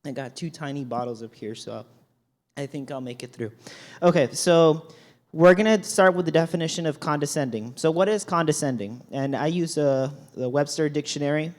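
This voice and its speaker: A man's voice: a little high, moderate pace. A man speaks from the front of a church group in a slightly raised register. He works through definitions with a hesitant, filler-heavy delivery, often stopping to restart his sentences. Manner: hesitant, frequent ums and restarts. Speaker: youth talk speaker at church. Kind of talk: church talk with dictionary definitions.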